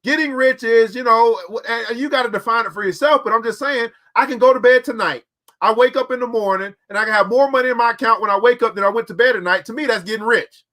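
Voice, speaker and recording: Quick-paced, with a very high, pushed, bright voice, a podcast host in his forties gives a preachy motivational talk about money. He speaks directly to his audience and repeats phrases for emphasis.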